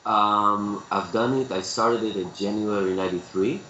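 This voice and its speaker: Interview guest, man, Israeli accent, low and relaxed, roomy dull remote audio. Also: normal speed, slight background noise. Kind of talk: conversational interview. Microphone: video call.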